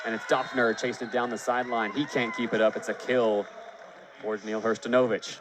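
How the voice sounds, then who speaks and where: Calling baseball and volleyball live on radio, a man gives fluent, descriptive play-by-play, getting louder when big plays happen. His mid-range voice holds a steady tone and moves a little fast against a noisy background.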